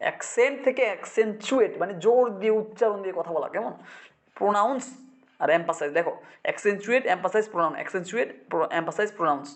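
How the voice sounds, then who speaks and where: A man's voice: high-pitched, expressive, racing. A male English teacher from Bangladesh drilling vocabulary in a classroom, repeating words and quizzing his students.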